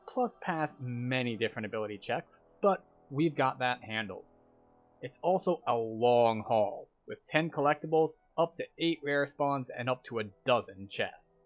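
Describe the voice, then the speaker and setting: A man with a mid-range voice narrates a video game walkthrough like a tour guide, explaining and guiding through each step. The audio sounds dull.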